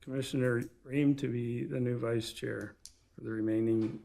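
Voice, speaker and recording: A man with a measured, gravelly delivery, speaking formally as the chair of a commission meeting. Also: mid-range voice, steady tone, background noise. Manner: measured, procedural. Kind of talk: formal procedural meeting talk. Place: public meeting room.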